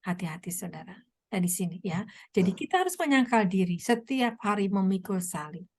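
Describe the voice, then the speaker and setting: A woman evangelist preaching a sermon with a hoarse voice, telling stories and asking the listeners many rhetorical questions. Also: mid-range voice, brisk. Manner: animated storytelling, frequent rhetorical questions. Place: online meeting.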